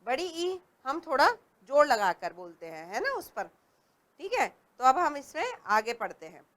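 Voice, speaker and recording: A woman teaching a reading lesson to young children, patient and stressing each word clearly. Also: sits high, sing-song, moderate pace, fairly bright tone.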